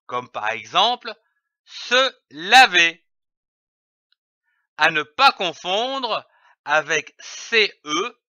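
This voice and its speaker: Male reading teacher, high and lively, spelling syllables out at a crawl; dull, dry lo-fi sound. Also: no room sound. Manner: deliberate, spells out each syllable letter by letter. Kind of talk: slow instructional reading drill.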